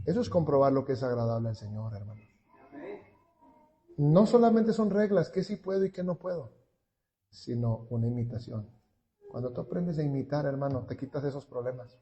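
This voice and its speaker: A male pastor preaching a sermon, swelling to loud, slow, emphatic lines and dropping back to quiet asides. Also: mid-range voice, animated. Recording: long echo of a large hall.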